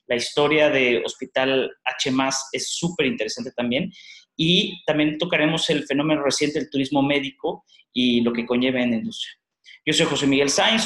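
A man's voice: medium pitch, fairly bright tone. A man hosting a podcast interview, upbeat and chatty, with many hesitations as he introduces guests and asks questions. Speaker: podcast host. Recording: roomy, echoey sound.

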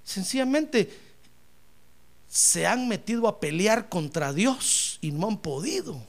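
A man's voice: high-pitched, big pitch swings, takes it slowly. A man preaching a sermon, speaking emphatically and often calling his listener brother.

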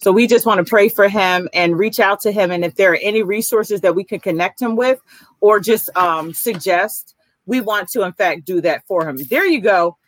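A woman's voice: mid-range voice, moderate pace, no room sound, low-quality recording. A woman hosting an online talk session, chatting in an enthusiastic, slangy way. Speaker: host. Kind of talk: casual online talk show chat.

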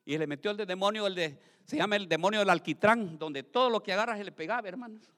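A male pastor preaching a sermon, swinging from quiet asides to shouted outbursts and acted-out voices. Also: high-pitched, fast, big-room sound.

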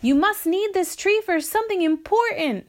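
A woman's voice: fairly high pitch, sing-song, unhurried, heavily acted. A woman voicing an earnest young boy in a read-aloud storybook, calling out in a raised voice. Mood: pleading. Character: young boy, stubborn then worried.

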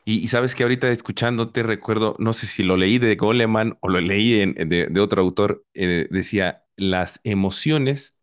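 Guy hosting a podcast, lowish voice, thinks out loud and asks follow-ups. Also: moderate pace, hardly any pauses. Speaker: podcast host. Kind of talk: casual podcast interview.

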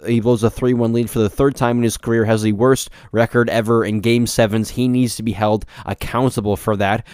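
A man's voice: medium pitch, darkish tone, clean tone, no room sound, clean studio sound. A young man hosting a solo sports podcast, giving opinionated takes and often stumbling and repeating himself. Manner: opinionated, repetitive, stumbles over words. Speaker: podcast host.

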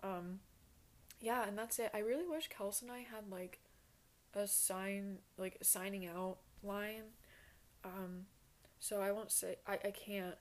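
On her solo podcast, a woman in her twenties talks slowly in a mid-range voice, wandering casually from topic to topic. She's frank, pokes fun at herself, and curses without holding back.

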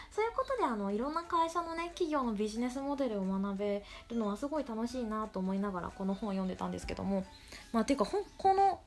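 A woman podcast host with a cute, girlish anime-style voice, talking casually and rambling in a playful, self-deprecating way. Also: a little high. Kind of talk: casual solo podcast talk.

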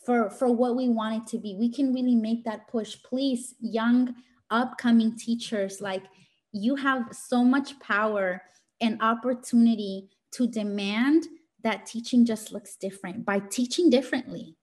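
A woman's voice: on the high side, measured pace, a little mellow. A woman giving an informal motivational talk in an emphatic, scolding teacher voice, speaking directly and colloquially.

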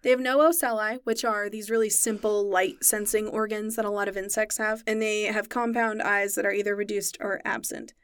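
Young woman nerding out about bugs, mid pitch, dry close mic. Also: steady tone, brisk, few pauses, smooth, dry recording. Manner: explains insect facts in detail, chatty. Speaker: podcast co-host explaining science. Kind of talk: casual chat.

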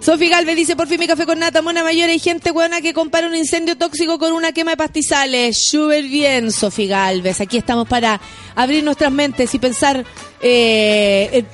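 High-voiced Chilean woman, chatty radio host. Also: fairly even intonation, normal speed, faint music behind. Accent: Chilean Spanish. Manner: chatty, laughs often, slangy and playful. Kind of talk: casual morning radio chat, reading listener messages.

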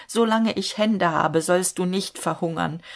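A woman's voice: fairly low pitch, a little slow. A woman voicing a desperate young male fisherman who begs his friend in anguish. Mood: resolute. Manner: anguished, imploring.

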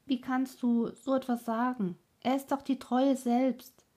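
A woman voicing an earnest, sorrowful sister in a read-aloud story, speaking in a breathy tone. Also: high-pitched, level tone, unhurried, dark tone, voice pushed up. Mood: indignant. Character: earnest, devoted sister telling a sad tale.

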